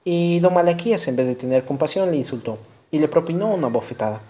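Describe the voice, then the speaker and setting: A man with a Peruvian accent reads a novel aloud as an audiobook narrator, in a measured storytelling manner. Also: fairly high pitch, warm tone.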